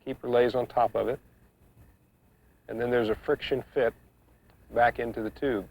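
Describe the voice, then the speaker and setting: A man with a creaky, gravelly voice teaches a practical skill. He explains things step by step in a measured, matter-of-fact way, as an instructor would in a demonstration. The sound is dull and a little lo-fi, like an older instructional video. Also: mid-range voice, fairly even intonation. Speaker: duck calling instructor.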